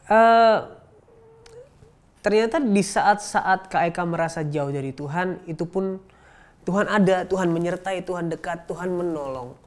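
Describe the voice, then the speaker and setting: A woman host asks questions and affirms her guest's answers with short responses. Her voice is notably low for a woman, and she mixes English phrases into her speech. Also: unhurried. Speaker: talk show host. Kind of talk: interview hosting.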